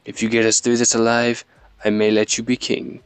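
A man's voice: mid-range voice, monotone, moderate pace, clean tone, no room sound, soft background music, lightly acted. A man reading the lines of a regal male king in a game, plainly and in his own voice, without an accent. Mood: solemn. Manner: reads plainly, no accent attempted.

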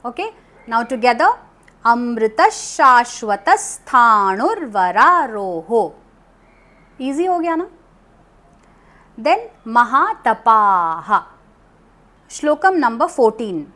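A woman teaching a chant, reciting verses slowly and then breaking words into syllables, switching between two languages. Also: fairly high pitch, very animated, fairly bright tone. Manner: mixes English phrases into her teaching. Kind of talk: recitation lesson.

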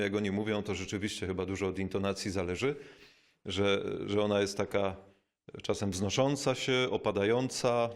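A man with a fairly low voice gives a reflective spiritual talk. He is thoughtful and unhurried, pausing often and dropping in small fillers, and slows down to stress the key words. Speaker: bishop giving a spiritual talk. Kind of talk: reflective spoken teaching.

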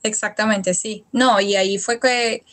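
A woman's voice: medium pitch, fairly even intonation, measured pace, a bit bright. A young woman from Latin America, a guest telling her story in a casual interview, hesitant with many restarts. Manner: hesitant, many restarts and fillers, quotes her own past words. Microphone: studio microphone.

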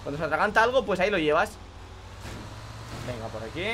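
A young man from Spain talks through his gameplay, his voice high and lively as it leaps between groans and outbursts. The tone is bright and forceful, and he swears and grumbles straight to his viewers, with faint game sounds underneath. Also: fairly quick, a little hiss or hum. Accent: Spain Spanish. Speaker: gaming youtuber. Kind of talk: live gameplay commentary.

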